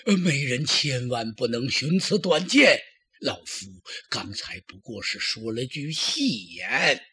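A man doing a gruff old lecherous chancellor. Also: mid-range voice, big pitch swings, slow pace, bright, forceful tone, voice pushed down, heavily acted. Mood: placating. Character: old powerful male chancellor, lecherous and blustering.

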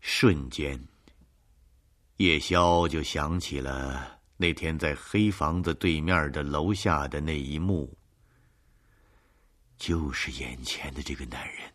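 A man narrating a mystery story in a steady, even storyteller delivery. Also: very deep voice, slow pace, long pauses.

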